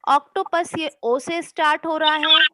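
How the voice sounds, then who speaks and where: A woman teaching children English grammar online, explaining slowly and patiently, mixing Hindi and English, with encouraging words. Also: high-pitched, steady tone, very noisy.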